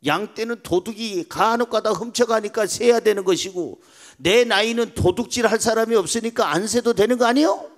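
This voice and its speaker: A man's voice: high-pitched, moderate pace, pitched above the performer's own voice. A man voicing a wise, dry-witted old shepherd with homespun, drawling rural speech in a sermon story. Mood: teasing.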